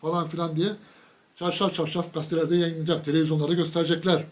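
A man's voice: fairly high pitch, flat delivery, fast. A man giving a casual political commentary monologue, mocking and sarcastic, talking straight to his viewers with emphatic lists.

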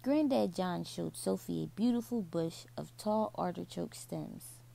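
A woman reads a children's bedtime story at an unhurried pace. Her voice is mellow and low in brightness, with a gravelly edge. The delivery stays soft and soothing.

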